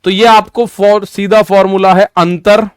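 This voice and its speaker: A man's voice: high voice, flat delivery, unhurried, smooth, dry recording, studio quality. A male maths teacher giving an exam-prep lesson, explaining step by step, repeating key points and talking directly to his students.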